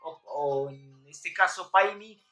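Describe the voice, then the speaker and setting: A woman's voice: low-pitched, slow. Woman teaching live, echoey room. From Bolivia. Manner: lively, calls out to viewers, counts down. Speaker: Quechua teacher on a live stream. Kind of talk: live stream quiz and lesson. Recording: echoey room, far from the mic, faint music.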